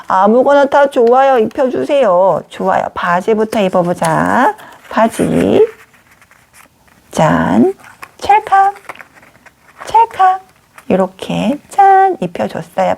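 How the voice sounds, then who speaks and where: Gentle woman teaching kids a craft. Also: medium pitch, creaky. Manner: gentle, sing-song, talks to children. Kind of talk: craft lesson for young children.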